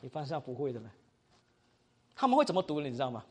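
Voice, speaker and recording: 一位马来西亚口音的男讲道老师在课堂上授课，说话生动随意，句尾常带"哈"。. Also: male voice, medium pitch, quick pace, husky. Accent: Malaysian Mandarin. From Malaysia. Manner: animated, chatty, ends phrases with 哈. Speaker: preaching instructor. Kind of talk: classroom teaching.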